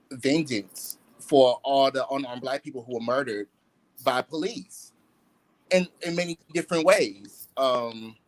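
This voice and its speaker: A man's voice: mid-range voice, rough recording. A man in a casual group discussion, talking in a weary, worn-out way.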